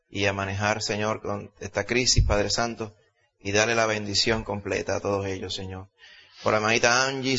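A man's voice: on the low side, pushed and bright. A man with a Puerto Rican accent, a pastor preaching and praying aloud in a church service with emphatic delivery and earnest petitions. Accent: Puerto Rican Spanish. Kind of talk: sermon and spoken prayer. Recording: dull lo-fi recording.

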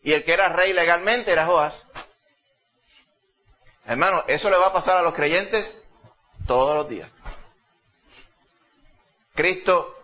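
A man's voice: on the high side, unhurried, pauses often, pushed and bright. A man preaching a sermon in an emphatic way, often calling the listeners brother. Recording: dull lo-fi recording.

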